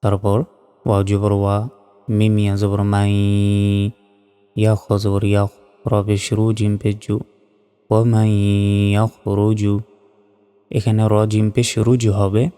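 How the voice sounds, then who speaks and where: A man's voice: on the low side, monotone, takes it slowly, long pauses, mellow, clear, resonant tone, in a large hall, soft background music. A man teaching Quran reading, spelling each letter and syllable aloud and then chanting the joined word.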